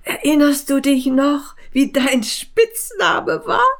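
A woman voicing a thin, excitable, chatty man who gushes and fawns over an old school friend in a read-aloud story. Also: high voice, takes it slowly, gravelly, voice pushed up, full character voice. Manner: gushing, fawning, talkative.

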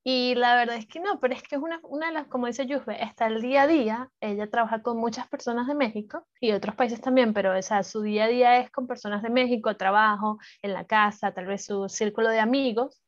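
A woman's voice: fairly high pitch, fairly quick, few pauses. Woman, reflective explainer, casual chat, muffled lo-fi sound. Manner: thoughtful, explaining at length. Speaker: podcast co-host.

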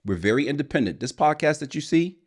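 A man's voice: fairly high pitch, quick pace. A man hosting a podcast, talking in an emphatic, hyped-up casual way. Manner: animated, emphatic, hypes the show. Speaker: podcast host.

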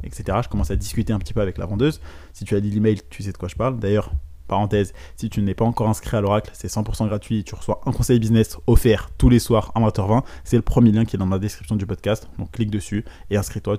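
Young guy podcasting, talks fast, kinda dark mellow voice, acts out the dialogue. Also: lowish voice. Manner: addresses listener directly, quotes dialogue with lively voices. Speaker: podcast host, business coach. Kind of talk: casual storytelling monologue.

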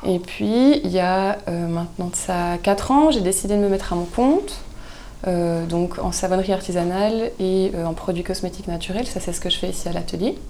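A woman, a guest chatting casually in an interview, relaxed and thoughtful with frequent hesitations. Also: fairly low pitch, brisk, a little hiss or hum. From Switzerland. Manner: relaxed, thoughtful, many hesitations, laughs easily. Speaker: guest, soap maker.

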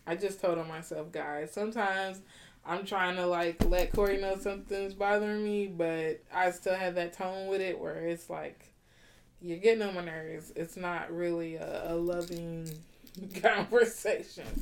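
Woman cohosting a relationship podcast, lively and playful, laughs a lot. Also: on the low side, unhurried, a little hiss or hum. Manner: animated, laughing, teasing. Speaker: podcast co-host. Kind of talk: casual relationship podcast chat.

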